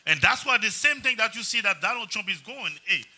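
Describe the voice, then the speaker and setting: High, bright male panelist. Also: animated, brisk. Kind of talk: casual panel talk.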